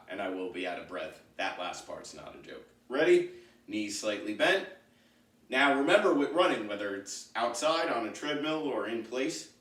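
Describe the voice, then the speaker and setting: A man's voice: lowish voice, fairly bright tone. Joking man leading a home workout. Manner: joking, chatty and encouraging. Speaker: exercise instructor. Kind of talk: home exercise video lesson. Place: apartment room. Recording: roomy echo, mic at a distance.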